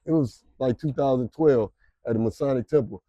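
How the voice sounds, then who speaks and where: Laid-back man with a dark voice. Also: medium pitch, fairly quick, no echo, highs cut off. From Detroit, Michigan. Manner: laid-back, slangy, trails off with fillers. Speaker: interview guest, music promoter and rapper. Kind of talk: casual interview.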